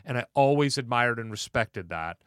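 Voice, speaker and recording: A middle-aged man co-hosting a casual podcast, telling stories in a relaxed way. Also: mid-range voice, normal speed, smooth, no room sound, studio quality. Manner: storytelling, relaxed. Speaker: podcast co-host.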